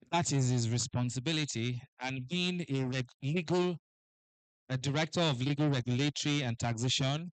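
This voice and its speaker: A man hosting a live event as master of ceremonies, lively and forever calling for applause. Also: medium pitch, dry recording, low-quality recording. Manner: lively, keeps urging the crowd to applaud.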